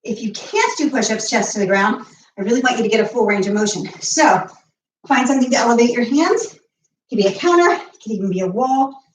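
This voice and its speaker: A woman's voice: fairly high pitch, animated, brisk, slight background noise. A woman fitness coach leading a live home workout, out of breath as she exercises along and counts reps aloud. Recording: echoey room, mic at a distance.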